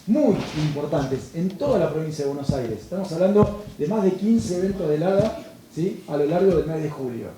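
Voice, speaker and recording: A man's voice: fairly high pitch, lively intonation, brisk, background noise. A man, a meteorologist giving a lecture, explaining patiently and checking in with listeners. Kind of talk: lecture to farmers. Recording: echoey hall, distant mic.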